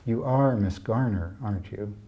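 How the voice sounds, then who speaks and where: A man's voice: lowish voice, moderate pace, warm tone, lightly acted. A man voicing a confident, teasing upper-class girl of about twenty, talking with breezy eagerness.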